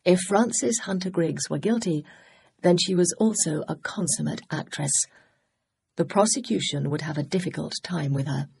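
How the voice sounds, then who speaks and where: Woman narrating an audiobook, low voice, measured, husky. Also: darkish tone.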